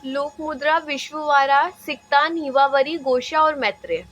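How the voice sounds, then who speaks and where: A woman's voice: sits high, a bit bright, dry recording, highs cut off. A woman teaching an exam-prep history lesson, repeating each point and often checking in with her students while mixing English terms into Hindi. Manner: repetitive, checks in with "है ना"; drills points by slow repetition. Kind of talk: classroom lecture.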